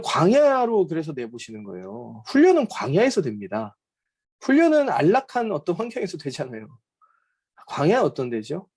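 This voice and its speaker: A man's voice: fairly high pitch, a little mellow, slightly rough. A man teaching a Bible overview lecture in a conversational way, with frequent hesitant fillers. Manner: conversational, often acts out quoted speech.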